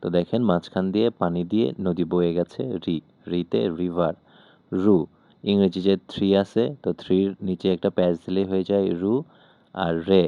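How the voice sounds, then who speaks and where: A man's voice: deep voice, muffled recording. A man teaching Japanese letters, patiently explaining step by step as he writes them out. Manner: patient, demonstrating while writing.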